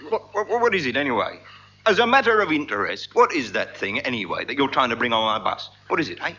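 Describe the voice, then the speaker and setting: Cheeky bus conductor, old radio. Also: male voice, medium pitch, sing-song, fast talker, bright, forceful tone. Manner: blustering, stammering, cheeky. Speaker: comedian playing a bus conductor. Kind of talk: radio comedy sketch. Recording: muffled old radio recording.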